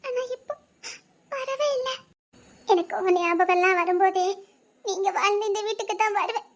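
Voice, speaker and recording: A woman's voice: extremely high pitch, moderate pace. A woman voicing a grieving young widow in a cartoon, talking wistfully through tears and small laughs. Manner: wistful, tearful, half-laughing. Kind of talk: cartoon voice acting.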